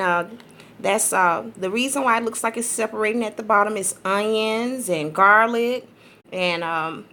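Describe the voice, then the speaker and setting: A young woman hosting a casual eating-show video, chatting in a friendly way and pausing with fillers as she describes the food. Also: mid-range voice, bright, forceful tone, a little hiss or hum. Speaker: mukbang vlogger host.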